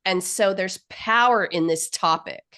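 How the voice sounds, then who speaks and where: A woman in her fifties hosting an author info session over a video call, sounding nasal from a cold and talking with enthusiastic, rambling warmth. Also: medium pitch, unhurried. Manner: enthusiastic, grateful, rambling with fillers. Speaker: publisher and host.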